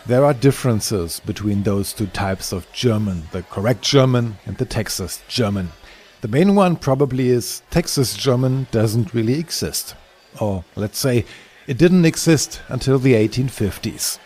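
A man narrating a documentary voice-over in a calm, explanatory way. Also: mid-range voice, measured pace, slightly rough.

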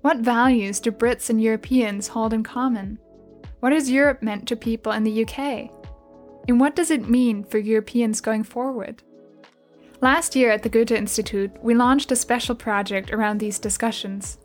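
A woman hosting a podcast, reading a smooth, even scripted introduction and asking interview questions. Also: a little high, moderate pace, faint music behind. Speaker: podcast host.

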